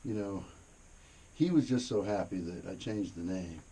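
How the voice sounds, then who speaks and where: Gravelly low-voiced man swapping stories. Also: lively intonation, moderate pace, dark tone. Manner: profane, rambling, laid-back. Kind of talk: casual anecdotal storytelling. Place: inside a cave during a tour. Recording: noisy cave ambience. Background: cave ambience, noise.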